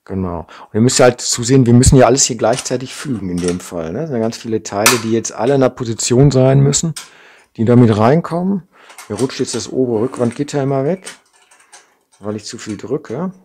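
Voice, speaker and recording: Speaking briskly in a darkish, mid-range voice, this Ruhr-accented middle-aged man builds a model kit at an indoor workbench, chatting and thinking aloud and frequently tacking on "ne?" as a question. There's a little hiss or hum on the recording. It's an unscripted demonstration, filmed by a camera mic above the tabletop with his hands visible.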